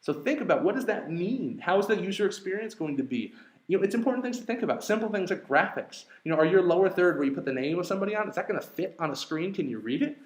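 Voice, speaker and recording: A young man hosting a live webinar, talking energetically and conversationally, with frequent fillers and quick asides. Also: sits high, lively intonation, echoey room, poor audio. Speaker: webinar host and speaker.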